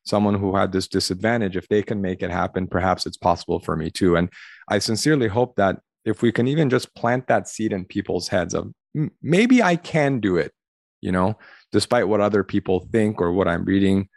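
A man's voice: deep voice, fairly quick, creaky, no room sound, clean studio sound. A man from Los Angeles, in his thirties, answering interview questions in an earnest, reflective way, with many "you know" fillers. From Los Angeles, USA. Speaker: podcast guest, admissions consultant.

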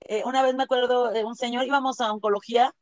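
A woman's voice: fairly high pitch, fast talker, no room sound, muffled recording. A woman with a Mexican accent, a laughter-doctor guest, chatting casually and acting out quotes as she tells stories. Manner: lively storytelling, often acts out quotes; frequent tag questions and fillers. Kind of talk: casual interview chat.

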